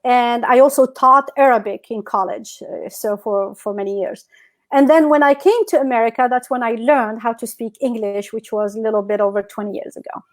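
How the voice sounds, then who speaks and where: A North African woman whose first language is Berber chats as a guest in a casual video-call interview. Her pitch is fairly high and she talks at a normal speed.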